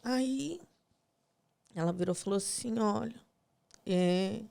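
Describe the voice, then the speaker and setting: Slow and gravelly, with a medium pitch, this woman is a podcast guest recounting a painful chapter of her life through tears. She replays each scene by quoting the dialogue, her voice cracking gently.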